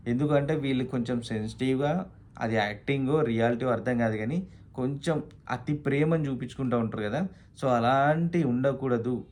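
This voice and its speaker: A man talks through a reality show episode in a relaxed, chatty way. His pitch sits in the ordinary middle range for a man, and he often pauses on fillers and slips English words into his sentences. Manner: conversational, with frequent fillers and English words mixed in. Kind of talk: casual spoken recap.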